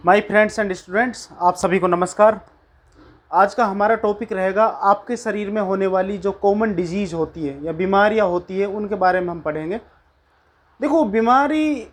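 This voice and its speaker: A man teaching a class, telling doctor and patient jokes in a chatty storytelling way before a lecture on disease. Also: high voice. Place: classroom with a board.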